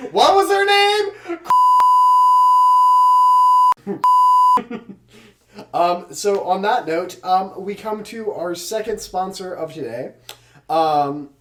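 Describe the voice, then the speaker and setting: High-voiced joking young man, echoey. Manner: jokey, mock-announcer asides. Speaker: podcast co-host. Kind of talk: casual chat.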